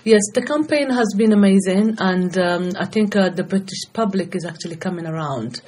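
This middle-aged Somali woman, an anti-FGM campaigner, gives personal testimony as a podcast interview guest. Her mid-range, slightly mellow voice moves at a moderate pace, and she talks earnestly, passionately and at length, often restarting her sentences.

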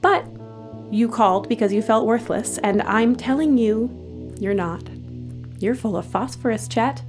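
A woman playing a hotline operator who coaxes with a soothing tone, then slips into brisk customer-service cheer. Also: on the high side, music in the background, close to an everyday voice. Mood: coaxing. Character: chirpy, callous female hotline operator. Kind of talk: audio drama acting.

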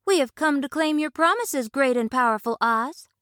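A woman voicing a determined young girl who speaks in an eager, high voice. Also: expressive, normal speed, fairly bright tone, no echo, clean studio sound.

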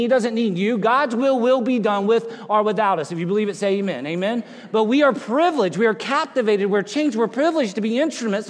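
A man with a notably high speaking voice preaches to his congregation. His words ring out through a church sanctuary with a long reverberant tail. He leans on dramatic pauses and drops suddenly to a hush. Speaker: pastor. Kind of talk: sermon.

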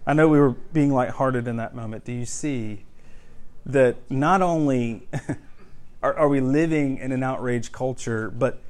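A man's voice: medium pitch, darkish tone. A young man preaching a sermon in a conversational way, with humor and frequent word restarts. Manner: conversational, self-deprecating humor, repeats words when restarting.

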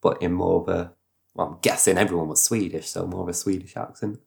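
A man retelling a story in casual podcast chat, animated and rambling, with sound effects. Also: low-pitched, fairly quick, gravelly. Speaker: podcast host.

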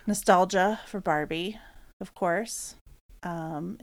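A woman's voice: on the low side, slow. A woman co-hosting a podcast, chatting casually about a movie with dry, teasing remarks. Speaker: podcast co-host. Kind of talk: casual movie review chat.

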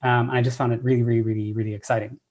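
An Irish man in his thirties, a professor telling his story in a relaxed interview, enthusiastic and full of ums and restarts. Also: medium pitch, very fast. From Ireland. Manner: enthusiastic, many fillers and restarts. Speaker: assistant professor, guest.

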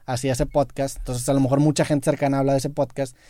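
Young man, podcast co-host, measured and analytical, dry sound. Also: mid-range voice, flat delivery, warm tone, no room sound. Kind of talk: casual podcast chat.

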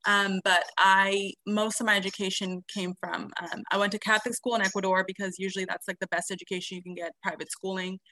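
A woman in her thirties, raised in South America, answering interview questions softly with many hesitant ums. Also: mid-range voice, little pitch movement, fast, hardly any pauses, no room sound. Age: 30s. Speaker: podcast guest, nurse.

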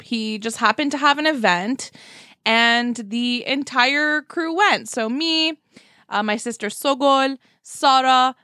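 High bright-voiced drunk young woman vlogging. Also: no echo, clean studio sound. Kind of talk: casual drunk party vlog. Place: outdoors at a night club event. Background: music and crowd.

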